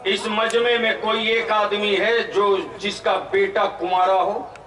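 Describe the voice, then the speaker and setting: Slow fiery preacher guy, bright high voice, echoey outdoor PA from a distance. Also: steady tone. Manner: rousing, questions the crowd, shouts at peaks. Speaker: Islamic preacher. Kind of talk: fiery sermon to an outdoor crowd. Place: outdoor public gathering.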